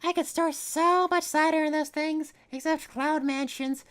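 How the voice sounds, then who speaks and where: A brash, sporty pegasus pony girl, as a man puts her on for a read-aloud pony story. The voice is pushed way up into a thin, squeaky falsetto, loud and blunt. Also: steady tone, unhurried. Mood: grumbling.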